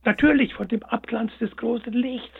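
A small, lonely young hare from a storybook, earnest and pleading, as a man puts him on. The voice sits high with a gravelly edge. It sounds tinny, as if heard over a phone. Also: fairly even intonation, moderate pace, heavily acted.

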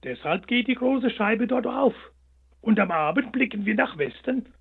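A chorus of arrogant sunflowers from a storybook, scornful and boastful, as a man puts them on. The voice is raised high with a husky grain. It sounds tinny, like a phone line. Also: expressive, normal speed, full character voice.

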